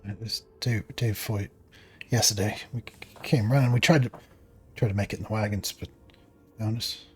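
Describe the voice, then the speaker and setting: A man's voice: on the low side, fairly even intonation, normal speed, darkish tone, faint music behind, close to an everyday voice. A man voicing a frightened male half-orc survivor who stammers urgently. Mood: distraught.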